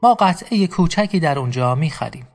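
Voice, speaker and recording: A man voicing a weary, protective farm worker who speaks calmly and soothingly in a narrated story. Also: fairly high pitch, big-room sound.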